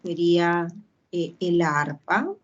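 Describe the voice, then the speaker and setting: A woman's voice: fairly low pitch, slow. A woman teaching a grammar lesson, explaining patiently and checking in with short tag questions. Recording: dull lo-fi sound.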